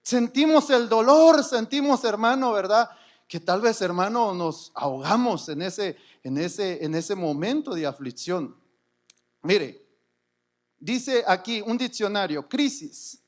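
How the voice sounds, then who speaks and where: A man's voice: high voice, lively intonation, slow pace. A man preaching a fervent sermon as pastor, constantly addressing the congregation as brother. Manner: fervent preaching, says "hermano" in nearly every sentence.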